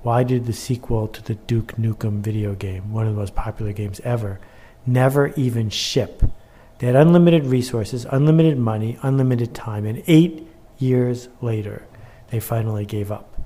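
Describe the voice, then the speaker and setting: A man of ordinary pitch gives a motivational instructional talk about his own workbook. He builds his points through repetition and pointed rhetorical questions, speaking with steady emphasis. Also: moderate pace.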